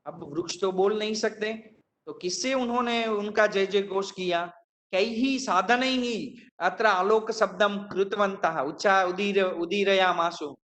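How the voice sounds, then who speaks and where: A man leads a Sanskrit class. His voice is high and bright, and he keeps quizzing the students and repeating the verse word by word at a slow, careful pace. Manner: questions students, repeats verse words slowly. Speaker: Sanskrit professor.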